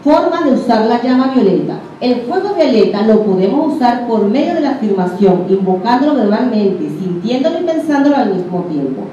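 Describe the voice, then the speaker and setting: A very animated Venezuelan woman speaks at normal speed with few pauses, her fairly high voice mellow, as she teaches a group and questions the audience directly in a conversational way. There's slight background noise, an echoey room and a distant, dull mic.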